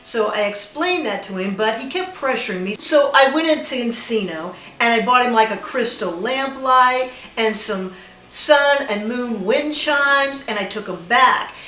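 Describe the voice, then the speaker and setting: A woman's voice: on the high side, lively intonation, a little slow, pushed and bright, a little hiss or hum. Chatty woman telling a story, echoey room. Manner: chatty, anecdotal, slightly incredulous. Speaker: independent filmmaker. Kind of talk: casual personal storytelling. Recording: roomy echo, voice from a distance.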